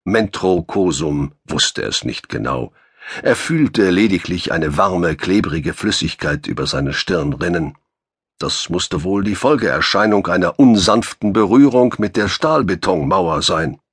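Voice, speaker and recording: A man narrating a sci-fi audiobook in measured storytelling, with a gravelly, husky voice close on a studio mic. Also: low-pitched, lively intonation, fairly bright tone, no echo.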